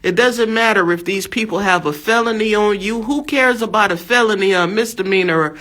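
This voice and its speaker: A woman's voice: mid-range voice, a little fast, a bit bright. An American woman in her fifties giving a fervent religious testimony, emphatic and exhortative, repeating her phrases. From USA. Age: 50s. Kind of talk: fervent preaching monologue.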